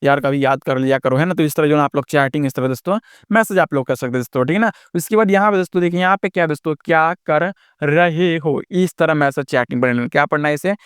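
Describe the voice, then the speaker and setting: Friendly teacher spelling words out slowly. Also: male voice, on the high side, clear, resonant tone, no echo, clean studio sound. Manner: keeps adding "दोस्तों" and "है ना?" as check-ins. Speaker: English teacher. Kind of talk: spoken lesson on reading and writing English.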